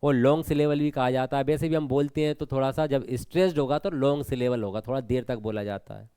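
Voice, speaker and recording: A man with a Hindi accent teaches an exam preparation lesson, explaining step by step, repeating points and putting questions to his students. His voice is medium-pitched, quick, dark and clean, in a dry recording.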